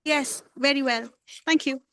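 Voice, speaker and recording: A woman's voice: high-pitched, fairly even intonation, measured pace, sharp tone, a little hiss or hum. A woman moderating a video call, politely interrupting the presenter. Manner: polite and apologetic when interrupting. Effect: heard over a video call. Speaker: session moderator.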